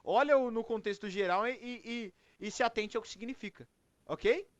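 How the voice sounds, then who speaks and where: A man's voice: very high voice, moderate pace, no echo. A Brazilian man teaching English to a group in Portuguese, often checking in with "ok?" as he explains. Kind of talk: online English class.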